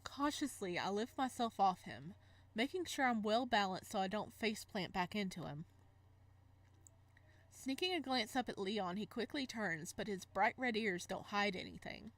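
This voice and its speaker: A woman with a mid-range voice and lively intonation reads a visual novel aloud at normal speed. It's a let's play with casual reactions, and she giggles and stumbles over words along the way.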